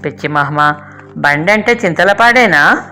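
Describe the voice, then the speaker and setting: An affectionate old grandmother, read by an older woman in a storybook tale, indulgent and teasing. She speaks in a fairly low voice, with faint music playing behind. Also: expressive, moderate pace, bright, forceful tone, heavily acted.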